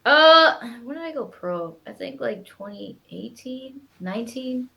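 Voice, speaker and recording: A woman's voice: on the high side, expressive, unhurried, vocal fry, sharp tone. A woman who bowls professionally, a podcast guest chatting casually and trailing off with fillers. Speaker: podcast guest, pro bowler. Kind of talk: casual chat.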